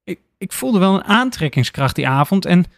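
A man's voice: sits high, big pitch swings, moderate pace, gravelly, no echo, studio quality, voice pushed up, exaggerated voice. A man voicing a frightened young woman named Lena, crying out in a strained, raised voice. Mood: stammering.

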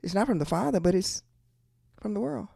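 A woman preaching a sermon, repeating her key lines slowly and calling out to the congregation. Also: mid-range voice, expressive, creaky, mellow, breathy edge, dry recording, studio quality. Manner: calls out to the congregation.

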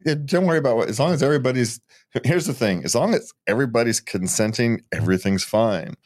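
An older man co-hosts a podcast, chatting casually in a relaxed, joking way and laughing often. He talks fast at medium pitch.

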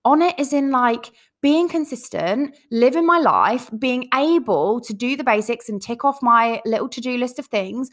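A woman's voice: on the high side, lively intonation, moderate pace, hardly any pauses. A young woman hosting a podcast alone, chatting in a bubbly, rambling way with lots of fillers. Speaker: podcast host; online coach. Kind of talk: casual solo podcast chat.

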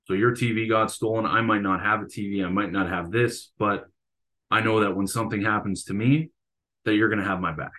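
A man's voice: on the low side, fairly even intonation, brisk, bright, forceful tone. A man, a football coach and teacher, telling reflective stories in a casual interview. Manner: reflective, storytelling.

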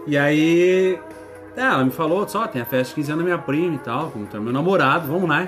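A man's voice: on the high side, lively intonation, fast. A man in his thirties with a southern Brazilian accent, chatting casually and telling stories as a radio co-host, often repeating his phrases in a bantering way. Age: 30s. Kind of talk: casual chat and storytelling. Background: music.

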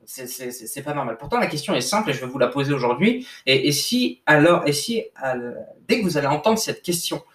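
A man's voice: on the high side, lively intonation, brisk, a bit bright. A young man, a sports coach, giving a casual motivational talk with lots of restarts and slang. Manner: informal, repetitive restarts, addresses listener as bro. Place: at a desk indoors. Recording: echoey room, mic at a distance.

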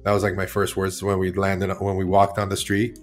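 Rambling, candid man, low voice. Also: completely flat delivery, a little fast, faint music behind. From Iran. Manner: rambling, candid, self-correcting. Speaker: artist guest. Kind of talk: casual interview talk.

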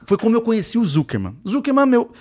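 A man's voice: extremely high pitch, fast. A man with a Brazilian Portuguese accent, telling a comic story in casual podcast talk and acting out the quoted lines. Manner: animated, acts out quoted lines.

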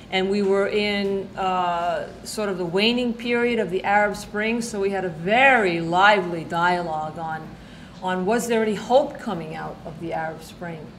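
A woman hosting an event, giving a semi-formal introduction with frequent pauses mid-phrase. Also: medium pitch, poor audio. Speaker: event host introducing a speaker. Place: indoor event, being filmed. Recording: faint background noise.

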